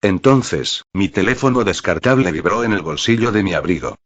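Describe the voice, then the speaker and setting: Male narrator, deep, steady dramatic storytelling, muffled lo-fi read. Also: moderate pace. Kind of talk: first-person audiobook narration.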